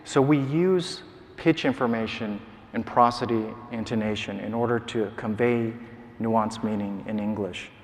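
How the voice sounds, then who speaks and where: Man lecturing in a reverberant hall. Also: fairly low pitch. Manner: measured, explanatory, occasional filler sounds. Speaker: scientist giving a prize lecture. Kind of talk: academic lecture. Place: large conference hall.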